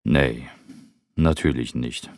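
A world-weary nobleman who snaps back in short, resigned lines, as a man reads him in an audiobook. His voice sits extremely deep, with a gravelly creak, and it is recorded dry and close. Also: slow, no room sound, heavily acted. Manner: curt, flat, resigned retorts. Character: weary, bitter aristocratic man, tired of life. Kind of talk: audiobook reading.

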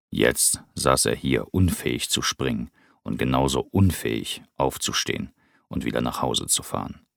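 A man narrating an audiobook in a measured, somber storytelling manner. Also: a bass voice, vocal fry, no room sound, clean studio sound.

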